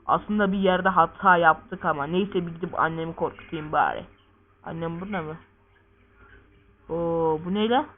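A man's voice: a little high, moderate pace, a little hiss or hum. A man giving casual gameplay commentary, full of crude swearing and joking banter. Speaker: gamer. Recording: tinny lo-fi recording.

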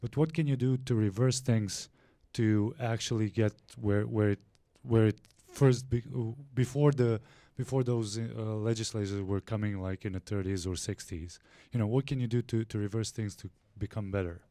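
A man in his thirties from Serbia with a Serbian accent, asking a halting question into a handheld mic at a panel forum. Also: fairly low pitch, dark tone, dry recording. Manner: halting, many restarts. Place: lecture room with audience.

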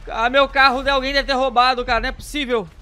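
A man's voice: very high voice, level tone, fast talker, sharp tone, clean tone, soft background music. A man giving panicky, exclamatory gameplay commentary, often repeating words. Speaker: gameplay streamer.

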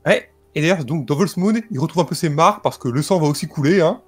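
A man presenting a book and its history informally, in a calm, explanatory way. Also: fairly high pitch, fast, breathy edge. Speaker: guest presenter.

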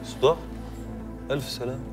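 An actor playing an exasperated young newlywed husband, speaking with an Egyptian Arabic accent in a rapid, pleading way. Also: male voice, far from the mic, close to an everyday voice. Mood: affectionate. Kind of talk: film drama acting. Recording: film soundtrack music behind.

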